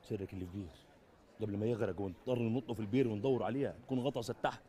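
A man's voice: fairly low pitch, racing, warm tone, natural voice. A man playing a jittery, grumbling sweeper. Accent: Egyptian Arabic. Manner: complaining, nervous, absurd. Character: weary street sweeper, jumpy and paranoid. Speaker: comedy sketch character.

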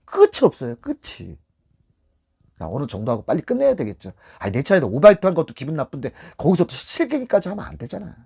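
Husky middle-aged Korean taxi driver. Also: male voice, a little high, wildly swooping pitch, quick pace, dark tone. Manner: acts out angry and soothing passengers. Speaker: taxi driver and channel host. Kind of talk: casual advice talk.

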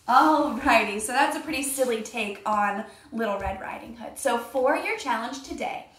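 A woman's voice: on the high side, moderate pace, echoey room, distant mic. A young adult woman reading a picture book aloud expressively as a storytime teacher. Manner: expressive, playful.

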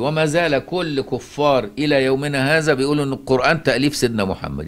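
Egyptian man teaching Quran recitation. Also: mid-range voice. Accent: Egyptian Arabic. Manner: rhetorical questions, leans on repeated words. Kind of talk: explaining Quran recitation to a student.

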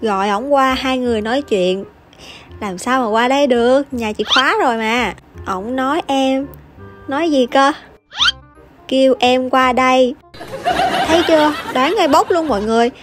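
A woman's voice: high voice, normal speed. Chatty young woman. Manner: chatty, teasing, laughs often. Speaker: gaming YouTuber. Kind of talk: casual gameplay commentary. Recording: voice over loud background music.

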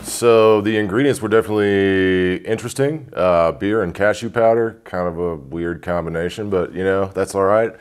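A man's voice: sits low, moderate pace, few pauses, clear, resonant tone. A man in his thirties speaking as a chef in an interview, casual and a little hesitant. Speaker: chef de cuisine, contestant. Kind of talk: on-camera interview. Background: guitar music.

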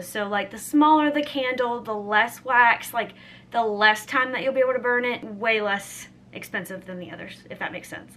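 Her mid-range, fairly bright voice comes through with slight background noise as she chats to the arm's-length camera in her kitchen. She stays upbeat and casual, sprinkling in plenty of "like" and "um."

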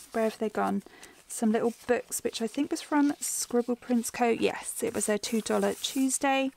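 Thinking aloud as she plans, a middle-aged woman vlogger chats her way through a plan-with-me video while her voice starts to go. It's on the high side, creaky, and darkish, with a little hiss or hum.

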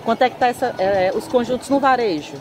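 A woman's voice: a little high, quick pace, music in the background. A woman with a Northeastern Brazilian accent presenting a shopping vlog in an enthusiastic, chatty sales style, addressing viewers as friends. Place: indoor market lingerie stall.

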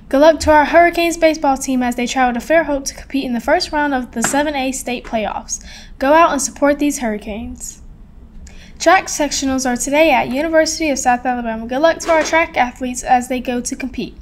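A young woman delivers scripted school sports news. Her voice is very high in pitch. She speaks as a student announcer seated at a desk microphone. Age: teens to young adult, high school student. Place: small studio at a desk. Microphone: desktop microphone.

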